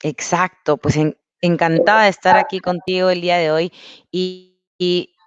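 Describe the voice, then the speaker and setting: A woman's voice: fairly low pitch, little pitch movement, moderate pace, clean tone, dry recording, muffled recording. A woman from Peru, a marketing consultant giving an upbeat online masterclass, explaining step by step over a video call. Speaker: guest speaker, marketing consultant.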